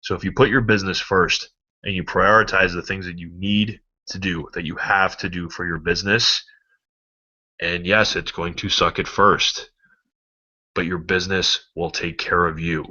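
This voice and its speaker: Male vlogger, low and bright-toned, rambling animated pep talk on a dull lo-fi recording. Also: normal speed, breathy edge. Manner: rambling, animated, swears freely. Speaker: motivational vlogger. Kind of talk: casual motivational pep talk.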